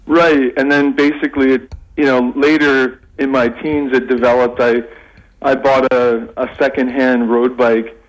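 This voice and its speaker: A Canadian man, middle-aged, talking as a phoned-in radio guest, halting with many restarts and fillers. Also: mid-range voice, flat delivery, poor audio. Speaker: radio guest, English lecturer.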